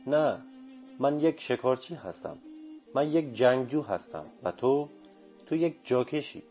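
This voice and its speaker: A man voicing a calm old male native sorcerer who speaks slowly and bluntly. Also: mid-range voice, soft background music, close to an everyday voice. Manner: slow, steady, cutting.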